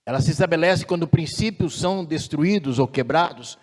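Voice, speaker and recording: A man preaching a sermon as pastor, measured and deliberate, slowing down and swelling in force on key phrases. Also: on the high side, a little mellow, in a large hall.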